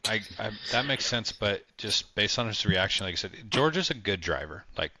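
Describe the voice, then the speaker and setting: A man's voice: fairly low pitch, animated, moderate pace, crowd noise. A man co-hosting a casual sports podcast, giving blunt, emphatic opinions. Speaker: podcast co-host. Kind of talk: casual chat.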